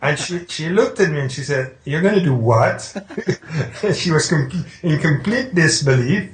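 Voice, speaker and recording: A man's voice: a little high, measured pace, a little hiss or hum. Hesitant Swiss-born man in an echoey room. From Switzerland. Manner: hesitant, with restarts, recounting calmly. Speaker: painter, interview guest. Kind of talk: conversational interview.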